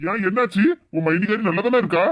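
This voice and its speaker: Woman voicing a protective cartoon older brother, stern, Tirunelveli Tamil accent, quick speech. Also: medium pitch, close to an everyday voice. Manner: stern and scolding.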